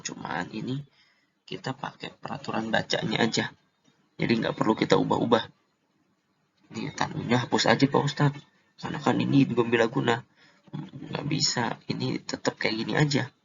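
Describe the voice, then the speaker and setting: A man teaching Quran recitation rules in a casual lesson, slow and deliberate, drawing out the recited examples. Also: on the low side, creaky, highs cut off, a little hiss or hum.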